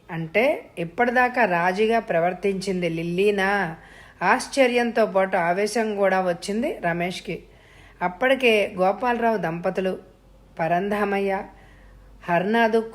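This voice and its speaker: A woman storyteller giving a measured, expressive scripted narration of a suspense audio story. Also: mid-range voice.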